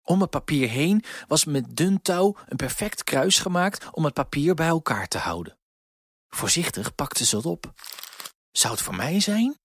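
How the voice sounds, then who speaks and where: A man reading a children's story aloud in a gentle, expressive way. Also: on the high side, moderate pace, husky, no room sound.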